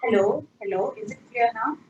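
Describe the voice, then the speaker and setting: A young woman, speaking as a student panelist on a video call whose audio keeps breaking up, halting with fillers and restarts. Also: a little high, darkish tone, roomy sound, distant mic. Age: young adult. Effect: breaking, glitchy call audio. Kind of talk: online panel talk. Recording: dull lo-fi online call.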